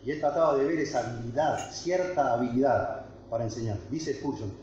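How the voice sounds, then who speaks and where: A man's voice: medium pitch, a little fast, a little mellow, a little hiss or hum. A man with a Rioplatense Spanish accent, a guest pastor teaching a workshop at a camp, earnest and emphatic, often restarting and checking in with the room. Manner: earnest, emphatic, frequent restarts and tag questions. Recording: echoey hall, dull lo-fi sound.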